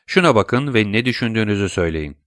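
A man voicing a calm, mysterious count with a measured, insinuating manner. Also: on the low side, no echo, clean studio sound.

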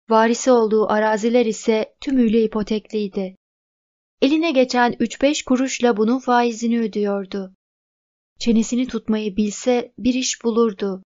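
A woman's voice: a little high, a little mellow. Woman narrating a novel, lo-fi. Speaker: audiobook narrator. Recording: dull lo-fi recording.

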